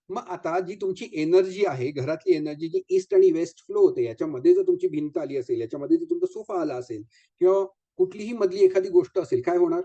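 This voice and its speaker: A man talks to a live audience as a vastu consultant. He is chatty, slips English phrases in and keeps asking rhetorical questions. His voice sits a little high but sounds very dark and mellow, on a dull, lo-fi recording.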